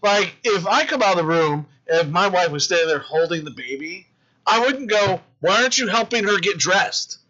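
A man in his forties trading profane, self-mocking jokes on a casual podcast. His voice sits high and rings bright, swinging widely in pitch. The audio is dull and lo-fi. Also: expressive, normal speed. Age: 40s.

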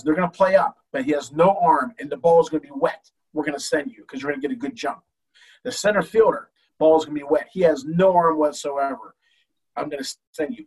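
An older man, a baseball coach, telling an emotional story in an animated way with many restarts. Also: a little high, breathy edge, distant mic, low-quality recording. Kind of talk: storytelling in a talk show.

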